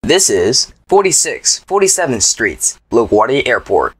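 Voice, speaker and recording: A man reading scripted transit announcements like a subway or airport announcer, in a formal, measured manner. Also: mid-range voice, big pitch swings, breathy edge, no echo. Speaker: train announcer.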